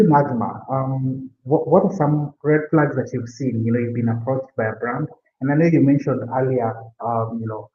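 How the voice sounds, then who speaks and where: A man moderating a panel discussion in measured, hesitant phrases. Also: medium pitch. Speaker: panel moderator, agency professional. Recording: echoey room, dull sound, faint noise.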